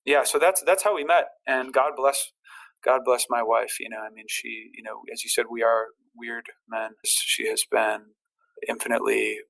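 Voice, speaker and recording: Man, casual storyteller, gravelly creak, mid-pitched, rambling, halting delivery with repeated words. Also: fairly bright tone, poor audio. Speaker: podcast guest.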